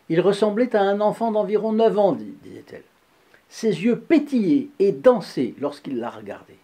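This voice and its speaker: A man with a husky, mellow voice tells the stories of saints as host of a devotional channel. His delivery is lively and expressive, rising high on key words and dropping soft at the ends of phrases. He speaks informally, with a few restarts. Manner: expressive, swings loud and soft, occasional restarts. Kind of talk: informal religious storytelling to camera.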